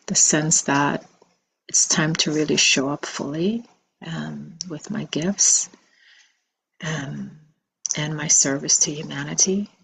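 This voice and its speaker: Woman, low voice, unhurried, soft-spoken spiritual talk, reflective pauses. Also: a little hiss or hum, low-quality recording. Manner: slow, soft-spoken, reflective with many ums. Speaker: spiritual teacher. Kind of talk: spiritual message video.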